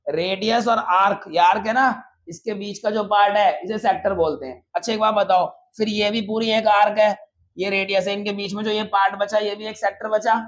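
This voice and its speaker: A man teaching a maths class in a classroom, lively, often quizzing the students and answering his own questions, calling them brother. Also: high-pitched, poor audio. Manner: addresses students casually as brother.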